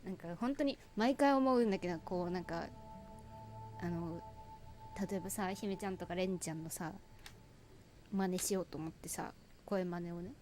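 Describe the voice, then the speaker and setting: A woman's voice: fairly low pitch, moderate pace, long pauses, a little mellow. A young adult woman streaming a game with chatty, giggly commentary, often echoing the game's lines. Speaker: VTuber streamer. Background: game music.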